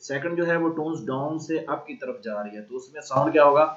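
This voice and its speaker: A man with a Pakistani accent teaching an online language class, slowly drilling and repeating sounds. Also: fairly high pitch, muffled recording. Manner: slow repeated drilling of tones.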